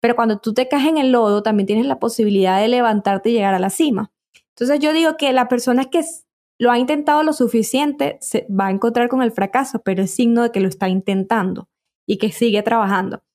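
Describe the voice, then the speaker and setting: A woman hosting a casual podcast, talking in an eager, chatty way with plenty of asides. Her voice sits a little high for a woman. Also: fairly quick, darkish tone. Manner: chatty and enthusiastic, many asides. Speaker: podcast host.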